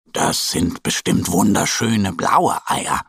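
A man's voice: sits low, slow, gravelly, a bit bright, slightly rough, no room sound, studio quality, exaggerated voice. A man voicing an eager, curious little bear boy in a children's storybook, in a childlike manner. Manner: childlike, eager and sometimes hesitant.

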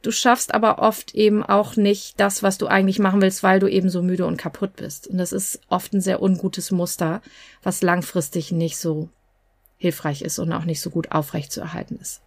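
A woman's voice: fairly low pitch, little pitch movement, normal speed, no echo, studio quality. A woman coach and podcast host giving advice in a conversational, explanatory way, with fillers here and there.

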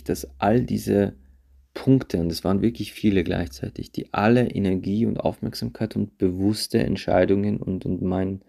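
Deep gravelly-voiced man musing to listeners. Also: mellow. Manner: reflective, halting, repeats phrases. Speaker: podcast host. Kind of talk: personal monologue to listeners. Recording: handheld phone, voice drifts off-mic at times.

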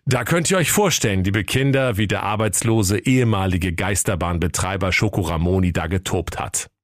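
Low-voiced male storyteller, playful comic fairy-tale narration, dry close studio mic. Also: normal speed, no echo.

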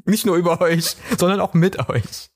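A man's voice: high-pitched, flat delivery, normal speed, husky. A man co-hosting a podcast, joking casually. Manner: joking, laughs along. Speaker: podcast co-host.

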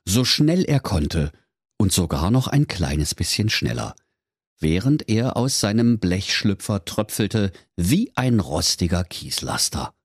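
A man's voice: sits low, big pitch swings, slow, husky, no echo, clean studio sound. A man narrating a comic fairy tale playfully and theatrically, full of wordplay. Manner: playful, theatrical, pun-filled. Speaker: storyteller.

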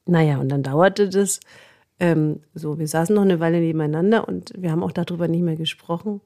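Female coach, chatty storyteller, low-ish voice, podcast host. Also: fairly quick, warm tone. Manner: chatty storytelling with laughs and fillers. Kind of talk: casual podcast monologue.

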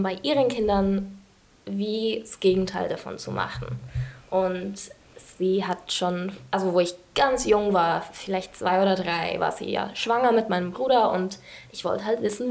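A woman's voice: mid-range voice, darkish tone. Young woman, podcast guest, candid, easygoing, frequent fillers. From England. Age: 20s. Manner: open, frank, many fillers. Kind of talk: casual interview talk.

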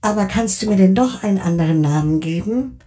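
A man voicing a shy, gentle talking monster truck in a bedtime story, with a soft and timid manner. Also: high voice, lively intonation, brisk, pitched above the performer's own voice. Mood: hopeful.

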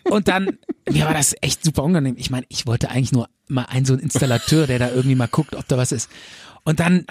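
A man's voice: mid-range voice, fast talker, darkish tone, slightly rough, no echo, studio quality. A man on a podcast telling a long anecdote in casual chat, full of fillers, acting out what other people said. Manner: rambling anecdote with filler words, acts out other people's lines. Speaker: podcast co-host.

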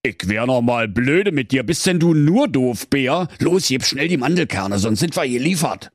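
A man's voice: medium pitch, animated, normal speed, no echo, studio quality, pitched above the performer's own voice, natural voice. A man voicing a bossy male wolf disguised as Santa who scolds his partner. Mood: impatient.

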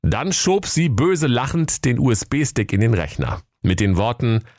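A man's voice: mid-range voice, sing-song, unhurried, darkish tone, no echo, studio quality. A man with a Schleswig-Holstein accent, narrating a comic fairy tale in a playful storybook tone.

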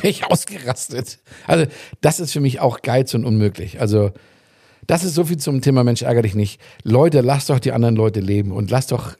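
A man with a rough, gravelly voice and some breath in it tells a story in a casual podcast chat. He is recorded close and dry, swears freely and acts out the other people in his story. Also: mid-range voice, warm tone, no room sound. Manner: acts out dialogue in his anecdotes. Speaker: podcast co-host.

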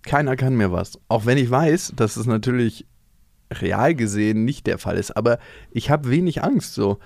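A man's voice: medium pitch, moderate pace, creaky, no echo, studio quality. A man, co-hosting a casual podcast chat and acting out the people in his stories. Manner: animated storyteller, acts out quotes in voices. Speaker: podcast co-host.

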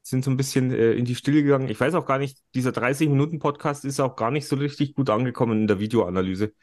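A man's voice: medium pitch, fast talker, darkish tone. A man co-hosting a podcast in casual chat, with a dry, teasing sense of humor. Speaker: podcast co-host.

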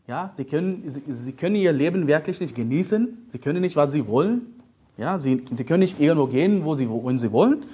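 Husky-voiced man preaching playfully. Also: a little high, fairly quick. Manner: playful, joking, animated sermon delivery with frequent "ja?". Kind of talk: sermon.

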